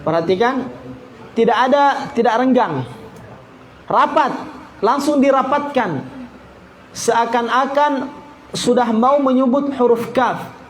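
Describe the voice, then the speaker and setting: A male Quran teacher from Indonesia running a tajwid lesson, repeating syllables and chanting verses slowly for students to copy. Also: very high voice, a little hiss or hum, poor audio. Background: group of students in the room.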